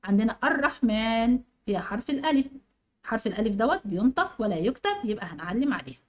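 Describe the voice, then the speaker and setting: Brisk Egyptian woman teaching grammar. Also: a little high. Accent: Egyptian Arabic. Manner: explains step by step, quizzing pupils. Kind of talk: online grammar lesson.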